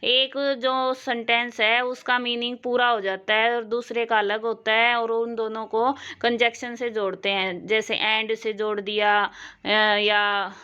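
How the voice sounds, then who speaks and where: A woman from Haryana teaching an exam-prep English lesson, explaining slowly and checking that her learners follow. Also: fairly high pitch, level tone, pushed and bright, clean tone, muffled recording. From Haryana, India. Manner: slow, explanatory, asks learners questions.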